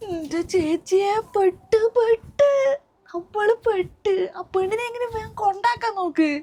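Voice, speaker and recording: A woman's voice: extremely high pitch, lively intonation, a little fast, background noise. A woman playing a practical middle-aged neighbour who urges and coaxes her friend, in a web series drama. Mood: urgent. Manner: urgent, coaxing and persuasive.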